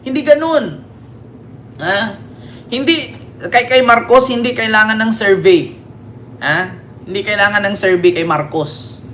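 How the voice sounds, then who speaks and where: On his political commentary stream, a man from the Philippines mocks and taunts his critics, curses, and keeps saying "di ba?" He speaks in a high, pushed, bright voice, unhurried and pausing often, with slight background noise.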